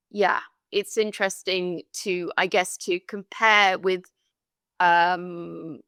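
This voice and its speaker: A woman from London talks slowly and carefully, with a gravelly edge under an otherwise smooth voice. She sounds thoughtful and a little hesitant as she works through her ideas about a film. The sound is close and dry. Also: fairly low pitch, fairly bright tone, dry recording. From London, England. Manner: thoughtful and hesitant, searching for words. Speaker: podcast panelist. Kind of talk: casual film discussion.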